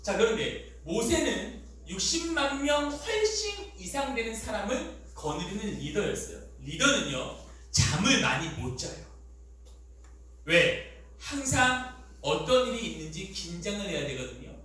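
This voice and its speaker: A man as youth pastor giving a lively sermon to middle schoolers in a church hall, animated and quizzing his listeners. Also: high-pitched, a little slow, distant mic. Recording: echoey hall, voice off mic.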